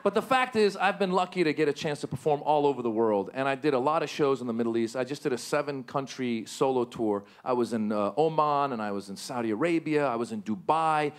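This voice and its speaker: A man performing stand-up comedy on stage, animated and given to sudden high-pitched outbursts. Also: a little fast, hardly any pauses. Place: stage before a live audience.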